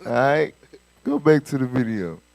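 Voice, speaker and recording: A man hosting a casual talk show, commenting on clips in an animated, slangy way with lots of laughter. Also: medium pitch, moderate pace, vocal fry, dry recording. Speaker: host.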